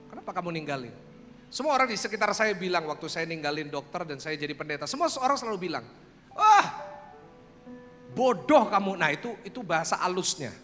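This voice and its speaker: Bright-voiced young pastor preaching in a hall. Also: male voice, on the high side. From Indonesia. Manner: animated preaching, calls to congregation, acts out quotes. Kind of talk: sermon. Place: large church hall. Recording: reverberant church hall with faint music.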